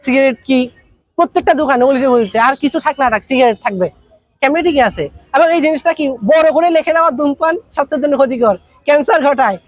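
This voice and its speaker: Bangladeshi man, business trainer: very high, racing delivery, conversational, full of rhetorical questions. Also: no room sound. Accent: Bangladeshi Bengali. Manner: conversational, rapid-fire rhetorical questions and everyday examples. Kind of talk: workshop lecture.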